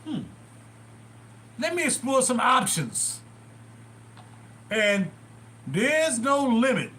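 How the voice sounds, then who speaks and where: An older man in his sixties tells rambling stories on a livestream, his voice rising and falling in lively swings. His pitch sits a touch high for a man. He wanders off on side stories as he talks from a small bathroom at home. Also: a little hiss or hum. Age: 60s. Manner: rambling, animated, digressive. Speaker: livestream host. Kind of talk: casual storytelling.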